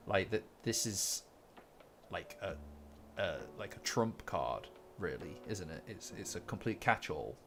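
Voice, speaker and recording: A man's voice: low voice, slight background noise. A man hosting a casual livestream, rambling with many fillers, repeated words and restarts. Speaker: manga commentary livestream host. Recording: faint lofi music behind. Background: faint lofi guitar music.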